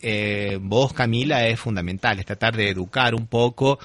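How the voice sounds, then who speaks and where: A man's voice: on the low side, moderate pace, a bit bright, no echo. A man hosting a radio interview, thinking aloud and often checking in with tag questions. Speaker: radio host.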